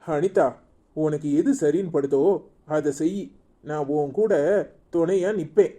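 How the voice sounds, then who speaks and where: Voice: medium pitch, a little slow, dark tone, natural voice. A performer voicing a protective young husband in a cartoon serial, with a Tirunelveli Tamil accent, scolding and coaxing by turns. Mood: reassuring. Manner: scolding then coaxing, repeats pleas.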